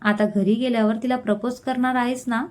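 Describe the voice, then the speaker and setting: A teasing, reassuring young roommate from a storybook reading, read by a woman. He ribs his friend in a light voice, then offers calm advice. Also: a little high, fairly quick, lightly acted.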